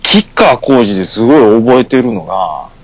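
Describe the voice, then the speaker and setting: A man's voice: medium pitch, animated, normal speed. A man with a Kansai accent co-hosting a casual podcast chat, easygoing and jokey. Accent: Kansai Japanese. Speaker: podcast co-host.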